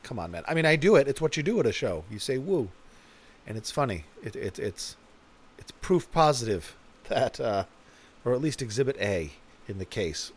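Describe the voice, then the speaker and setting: A man's voice: mid-range voice, big pitch swings, moderate pace, breathy edge. A man hosting a podcast in a casual, rambling way, joking and poking fun at himself. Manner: joking, self-mocking, rambling. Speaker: podcast host.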